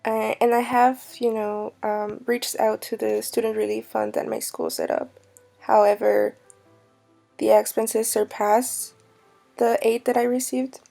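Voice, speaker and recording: A woman's voice: on the high side, little pitch movement, a little slow, gravelly, mellow, faint music behind. A woman in her twenties, a student advocate, speaking hesitantly about her own struggles in a testimonial interview. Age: 20s.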